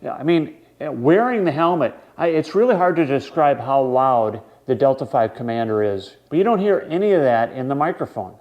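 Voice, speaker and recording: A man hosting a vlog, explaining equipment in a casual, halting, conversational way. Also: medium pitch, lively intonation, muffled recording. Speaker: snowmobile vlog host.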